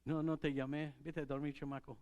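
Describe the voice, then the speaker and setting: A man's voice: fairly high pitch, flat delivery, brisk, darkish tone, lo-fi sound, lightly acted. A man voicing an old male temple priest in a retold story, patient and fatherly in manner. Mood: dismissive.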